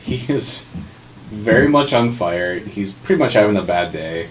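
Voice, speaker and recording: A man's voice: fairly low pitch, expressive, unhurried, a little hiss or hum, low-quality recording. A man running a tabletop game as game master, narrating casually with a dryly joking manner. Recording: group room with chatter behind.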